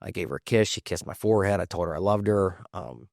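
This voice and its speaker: A man in his forties with a Central Pennsylvania accent, an earnest podcast host talking openly in quick bursts. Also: deep voice, vocal fry, darkish tone, no echo, studio quality. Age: 40s. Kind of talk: conversational interview.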